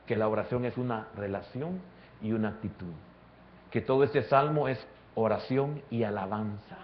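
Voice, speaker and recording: A man's voice: medium pitch, highs cut off, slight background noise. A man, a pastor preaching an impassioned sermon and calling listeners brother. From El Salvador. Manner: impassioned preaching, swings from soft asides to loud climaxes; addresses listeners directly as brother.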